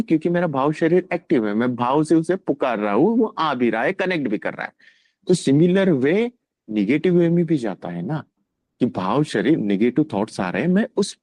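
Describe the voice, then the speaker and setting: Calm halting man giving a spiritual talk. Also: a little high, no room sound. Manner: calm, halting, mixes English words into speech. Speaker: spiritual teacher.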